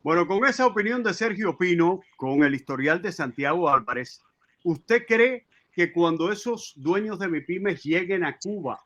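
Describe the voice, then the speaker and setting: Male host, bright high voice, lots of ums while he asks stuff. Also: animated, normal speed, muffled recording. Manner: hesitant, many filler sounds. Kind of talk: interview questioning.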